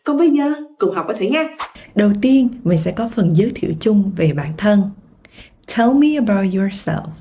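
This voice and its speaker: A woman whose first language is Vietnamese, teaching English pronunciation in a slow, clear lesson and repeating words syllable by syllable. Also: medium pitch, expressive, dark tone.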